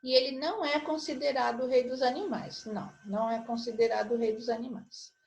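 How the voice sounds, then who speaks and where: A woman's voice: fairly high pitch, fairly even intonation, a little fast, gravelly. A middle-aged woman with a Brazilian Portuguese accent, teaching an online lesson for children and patiently spelling out syllables and clues step by step. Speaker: primary school teacher.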